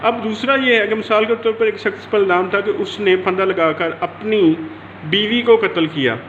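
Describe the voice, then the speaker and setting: This Pakistani man has a high-pitched, somewhat bright voice and a moderate pace as he gives an explanatory law lecture. He restates points didactically and mixes in English legal terms. The recording has a roomy echo, dull lo-fi quality and faint noise.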